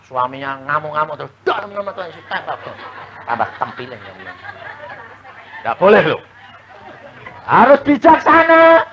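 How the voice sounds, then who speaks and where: Animated preacher man. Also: a little high, normal speed, long pauses, a faint crowd. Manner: animated, folksy preaching with sudden loud and hushed swings. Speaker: pastor. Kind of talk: sermon. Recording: muffled old sermon recording, faint hiss.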